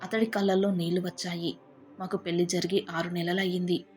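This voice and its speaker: A woman telling a first-person family story in a steady, heartfelt way. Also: fairly low pitch, fairly quick. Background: faint background music.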